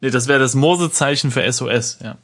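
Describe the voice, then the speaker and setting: A man's voice: mid-range voice, quick pace, fairly bright tone. A man co-playing a text adventure, making dry remarks and typing the commands. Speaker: co-player. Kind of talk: casual chat during a game.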